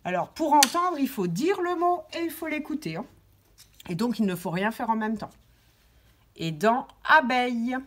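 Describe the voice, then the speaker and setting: A woman teaching a recorded lesson to young children, stressing words slowly and clearly. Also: high voice, very animated, background noise. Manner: slow, sing-song word stress for children; clear instructive tone, addressing children and parents. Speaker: kindergarten teacher.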